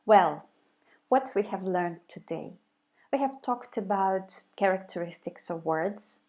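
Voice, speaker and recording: A woman's voice: medium pitch, expressive, slow, darkish tone. A woman giving a recorded video lecture, hesitant, with many fillers and restarts.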